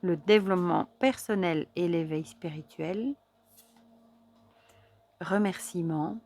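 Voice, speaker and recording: Woman host, low-ish voice, chatty card-deck show-and-tell, admiring, hushed asides. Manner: chatty, admiring, halting with fillers. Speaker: oracle card reviewer. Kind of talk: casual show-and-tell review.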